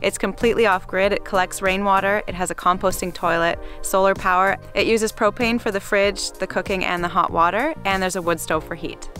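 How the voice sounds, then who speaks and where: A young woman hosting a video tour, presenting outdoors in a brisk, cheerful way. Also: mid-range voice, steady tone, fairly bright tone, soft background music. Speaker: host. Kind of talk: upbeat vlog presenting. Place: outdoors on a grassy hilltop.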